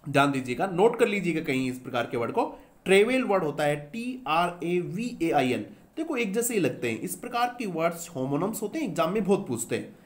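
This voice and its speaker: A man's voice: high voice, very animated, a little fast. A man with an Indian accent teaching English vocabulary, spelling words out letter by letter and asking his students rhetorical questions. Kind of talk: online vocabulary lesson.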